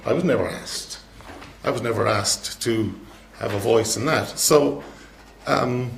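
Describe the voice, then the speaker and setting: Gravelly west of Ireland man in his fifties. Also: mid-range voice. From Galway, west of Ireland. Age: 50s. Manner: halting, plain-spoken, down-to-earth. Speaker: citizen member speaking at a public meeting. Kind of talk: unscripted personal testimony to an audience. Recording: echoey room with faint noise.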